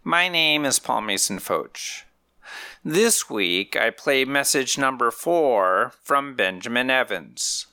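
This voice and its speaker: A man hosting a podcast, giving a measured, deliberate introduction and asking interview questions. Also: mid-range voice, expressive, pushed and bright, smooth, dry recording. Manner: measured, deliberate announcer delivery.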